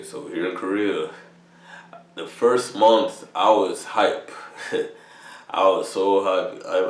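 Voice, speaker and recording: A New York soldier in his thirties vlogs from an army barracks room, casually rambling in slangy talk full of "bro" and swearing. His voice sits low, and he sounds far from the mic in an echoey room.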